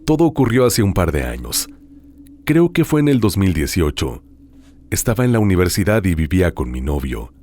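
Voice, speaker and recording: Deep husky man narrating horror. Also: very animated. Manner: dramatic, hushed storytelling with drawn-out pauses. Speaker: host reading listener horror stories.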